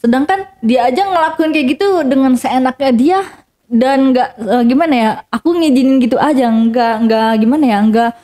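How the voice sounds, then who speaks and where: Young woman with a mellow voice telling her story. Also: high-pitched, normal speed. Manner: rambling, many fillers and restarts, addresses listener as Kak. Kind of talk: casual storytelling to an interviewer.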